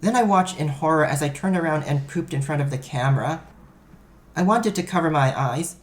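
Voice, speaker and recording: A man's voice: a little high, expressive, a little fast, slight background noise. A man reading a first-person story aloud, in a wry, self-mocking storytelling manner. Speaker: narrator.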